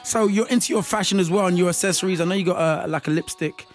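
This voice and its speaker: A male radio host running a studio interview, lively and upbeat, repeating his phrases and laughing often. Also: sits high, quick pace, soft background music.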